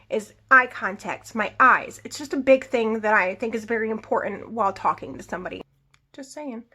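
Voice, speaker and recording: A woman's voice: on the high side, sharp tone. A woman vlogger chatting casually through a get-ready-with-me makeup tutorial, explaining each step and adding little asides. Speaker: beauty vlogger.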